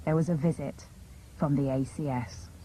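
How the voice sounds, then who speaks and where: Female documentary narrator, warm low voice, measured scripted read, faint background hiss. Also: rough recording. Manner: measured, even delivery.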